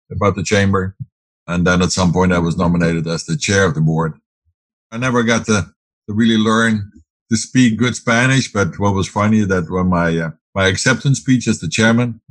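A middle-aged business owner from the Netherlands, whose first language is Dutch, answers interview questions as a guest, rambling with lots of fillers and restarts. His voice is lowish, the recording has no room sound, and the audio quality is poor.

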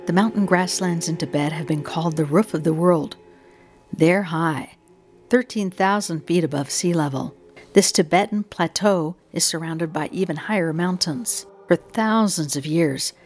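American woman doing a radio science show, kinda low voice, curious, reading script n asking questions. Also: normal speed. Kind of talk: scripted radio narration and interviewing.

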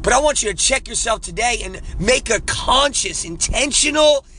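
Guy w/ a high bright voice hyping you up like a coach, casual slang, talking on the road. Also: normal speed, a little hiss or hum. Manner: energetic, preachy, casual slang. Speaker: motivational coach and show host. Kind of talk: upbeat motivational talk. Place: in a vehicle.

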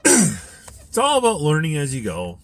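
A man's voice: a little high, wildly swooping pitch, measured pace, dry recording. A man hosting his own podcast, chatting casually and thinking aloud with lots of fillers while driving his car. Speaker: podcast host. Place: inside a car.

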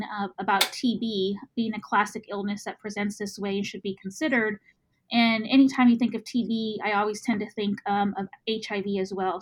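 A woman with a Texas accent discussing a medical case, hesitant, with many ums. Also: mid-range voice. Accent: Texan.

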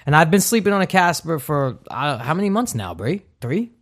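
A man's voice: fairly high pitch, very animated, fairly quick, fairly bright tone. A man in his thirties hosting a podcast, chatting casually and joking through upbeat ad reads. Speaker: podcast host.

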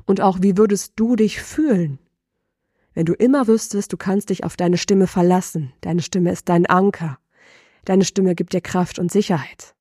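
A middle-aged woman voice coach giving a lesson, asking the listener slow, deliberate reflective questions. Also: lowish voice, warm tone, breathy edge, dry recording, studio quality.

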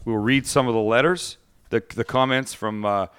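A man's voice: mid-range voice, moderate pace, a bit bright, clear, resonant tone. A middle-aged man hosting a podcast, chatting casually in a rambling, joking, teasing way. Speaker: podcast host. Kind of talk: casual chat.

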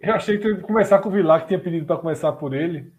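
A man's voice: high-pitched, racing, a little mellow. A man bantering casually, teasing and repeating himself in slangy speech. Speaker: panelist.

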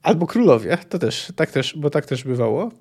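A man hosts a book discussion podcast. He talks in a digressive way and often stops to hesitate with filler sounds. His voice is slightly high but mellow and dark. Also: big pitch swings, brisk, husky. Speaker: podcast host.

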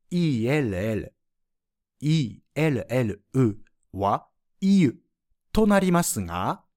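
A man with a slightly high voice teaches French pronunciation from a script, patiently laying out the rules and sounding things out one by one.

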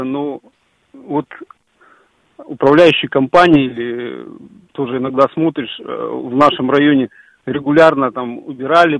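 A man's voice: medium pitch, dry recording. A man calling in to a radio show over the phone, giving his opinion hesitantly with many fillers and restarts. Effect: heard over a phone line. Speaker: radio call-in listener. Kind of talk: casual call-in opinion. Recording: muffled phone line, dry.

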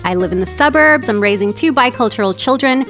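A woman's voice: a little high, expressive, brisk, a bit bright, faint music behind. A woman from El Salvador co-hosting a podcast in casual chat, explaining things and laughing easily. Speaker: podcast co-host.

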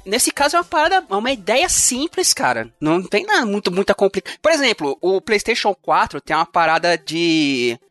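Brazilian gaming podcast co-host, slangy casual talk, very animated pitch, faint music. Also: a little fast, few pauses, dry recording. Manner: lively, slangy, hesitant restarts. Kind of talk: casual chat about video games.

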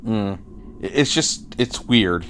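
A man's voice: fairly low pitch, expressive, drawn-out words, fairly bright tone, slight background noise. A man co-hosting a comic book podcast, reading out the credits and plot of an issue, then chatting casually about it. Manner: reads issue credits and plot recap, then chats with many fillers and repeats. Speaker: podcast co-host.

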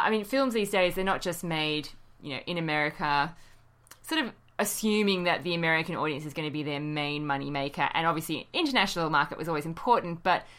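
Lively low-voiced woman, wry podcast chat. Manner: chatty, wry, laughs often, hedging with "you know". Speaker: podcast co-host.

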